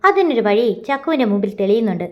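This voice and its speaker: A woman reading a love story aloud as storyteller in a plain, steady way. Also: on the high side, fast, lo-fi sound.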